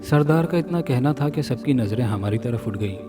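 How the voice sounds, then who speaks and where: A man reading a scripted horror story dramatically, sounding a little far from the mic over loud music. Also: medium pitch, animated, brisk. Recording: narration from a distance with loud music.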